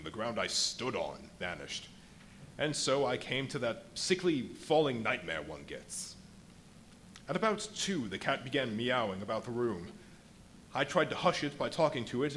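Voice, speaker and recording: Radio drama: male actor as boastful, unstable invisible scientist, animated middle-register delivery, dramatic pauses, live recording with slight background noise. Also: mid-range voice, poor audio. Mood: brooding, feverish. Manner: dramatic, literary phrasing with emphatic pauses. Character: the Invisible Man, a feverish, boastful, volatile male scientist recounting crimes. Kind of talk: live radio play monologue, theatrical storytelling. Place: live performance at a brewery venue. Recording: live stage performance with audible background noise.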